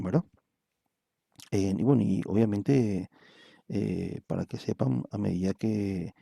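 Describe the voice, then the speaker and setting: Gravelly, dark-voiced male statistics lecturer. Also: lowish voice, no echo. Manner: patient, repeats words and asks "¿verdad?" often. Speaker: psychometry professor.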